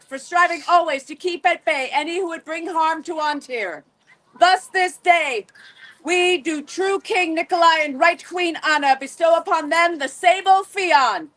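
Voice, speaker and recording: A woman acting as herald at a medieval reenactment court, loudly declaiming ceremonial proclamations in formal, old-fashioned renaissance fair speech. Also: very high-pitched, normal speed, low-quality recording.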